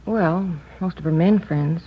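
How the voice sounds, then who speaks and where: In a 1950s radio crime drama, an actress plays a talkative woman clerk telling detectives about her murdered friend. Her husky, lowish voice moves at a measured pace, chatty, confiding and a little gossipy, on a dull old broadcast recording.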